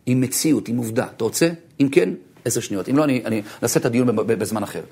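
A man, a rabbi, giving an animated lecture full of stories, swinging from low murmurs to high bursts and laughing as he tells them. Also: creaky, slightly rough. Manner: laughs while telling stories.

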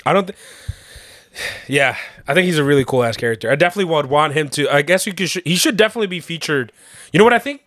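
A young man co-hosting a podcast in casual chat, excited and slangy, laughing often. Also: fairly high pitch, rapid-fire, dry recording, clean studio sound. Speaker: podcast co-host.

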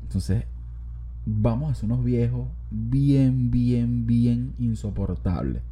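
A man's voice: mid-range voice, slow pace, dark tone, slightly rough. A young man with a Venezuelan accent, hosting a podcast in a casual comedic monologue, joking, swearing and rambling as he talks. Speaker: podcast host.

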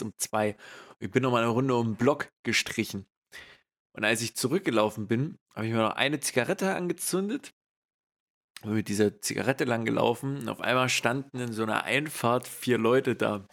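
Young german guy, podcast chat, tells stories w/ voices, laughs a lot, normal pitch. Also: gravelly. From eastern Germany. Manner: animated storyteller who acts out voices and laughs often. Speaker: podcast co-host. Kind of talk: casual chat.

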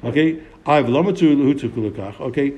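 This is a man teaching a Talmud text in a warm, mellow voice at an ordinary middle pitch. He reads Aramaic phrases and explains each one in English. He poses questions and answers them himself, often stumbling and restarting his sentences. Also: fast. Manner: frequent restarts, repeated words and hesitations.

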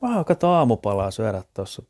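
A man's voice: fairly low pitch, very animated, a little mellow. A man co-hosting a podcast, chatting on a porch in an easygoing, joking way. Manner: easygoing, joking, laughs often. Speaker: podcast co-host. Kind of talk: casual chat. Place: outdoor porch.

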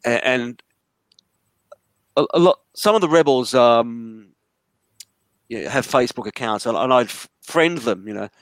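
A man's voice: medium pitch, expressive, measured pace, long pauses, no echo. Dry-sounding man telling a long story. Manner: rambling storytelling with frequent restarts. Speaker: interview guest, writer. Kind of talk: conversational interview. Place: lives in a large city.

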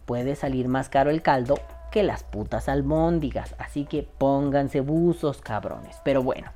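A man's voice: mid-range voice, a little slow, mellow. A man with a Mexican accent hosting a podcast, with crude, joking, slang-filled banter and a voice kept down. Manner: keeping his voice down. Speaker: podcast host. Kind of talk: casual podcast chat.

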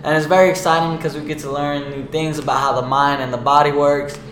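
A man's voice: a little high, flat delivery, quick pace, a bit bright. 17 yr old guy chatting on a student podcast, slangy, echoey room, bit of background noise. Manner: informal, slangy explaining. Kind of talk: casual chat.

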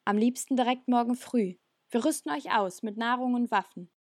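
Woman reading solemn weary alien elder, measured, dry sound, storybook. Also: a little high, dry recording, voice pushed up. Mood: grave. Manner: grave, explanatory.

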